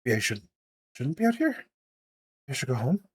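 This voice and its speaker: A man's voice: medium pitch, very animated, moderate pace, husky. A man voicing a nervous, sweaty masked woman who is a dragon scholar, stammering and hesitant in a tabletop game.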